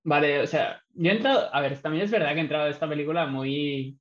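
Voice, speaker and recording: In echoey, dull lo-fi audio, a man with a fairly bright, high-leaning voice discusses a film at a quick pace. He's laid-back, meandering, and prone to hedging.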